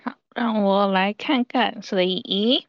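A woman's voice: mid-range voice, slow pace, no room sound. A woman with a Taiwanese Mandarin accent chatting casually as a podcast co-host, on a slightly lo-fi recording. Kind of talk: casual chat.

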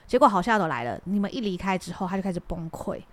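Taiwanese mandarin lady, podcast co-host, lively storyteller, keeps laughing. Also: fairly low pitch, quick pace. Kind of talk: casual chat.

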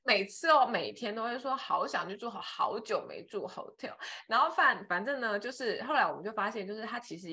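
A woman co-hosting a podcast in casual chat, an animated storyteller who laughs often. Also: fairly high pitch, quick pace, few pauses. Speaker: podcast co-host.

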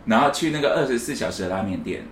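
A man's voice: mid-range voice, lively intonation, fast. A man, co-hosting a casual podcast chat and telling a story while acting out the quoted lines. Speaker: podcast co-host. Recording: echoey room, faint hiss.

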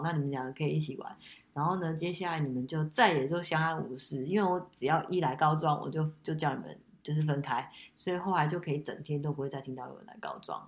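A woman hosting a casual chat with her daughter, telling family stories in a lively way with many restarts. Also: deep voice. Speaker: podcast host and mother.

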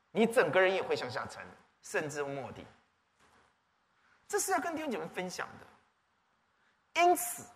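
A man preaching a sermon as pastor, often asking the congregation questions. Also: high-pitched. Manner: animated, rhetorical questions to the congregation. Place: church hall. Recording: long hall reverb.

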